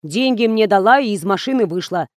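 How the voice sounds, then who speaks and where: Grumbling slow-witted male driver, read by a woman, mumbling, dry close audiobook sound. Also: mid-range voice, lively intonation, dry recording, lightly acted.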